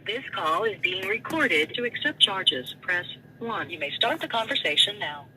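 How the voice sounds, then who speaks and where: An automated collect-call announcement heard over a prison phone line. The voice is very bright and thin, and it announces in a flat, formal way. A faint hiss sits under the tinny call. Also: mid-range voice, moderate pace. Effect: automated prepaid collect-call message over a prison phone line. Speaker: recorded phone system announcement.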